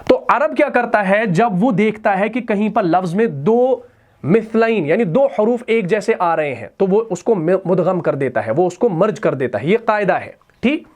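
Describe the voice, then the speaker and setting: A man's voice: high-pitched, lively intonation, moderate pace. A man teaching Quran grammar in a classroom style, often putting a question to the class and then answering it himself. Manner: repeats key terms as questions to the students. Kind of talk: classroom lesson.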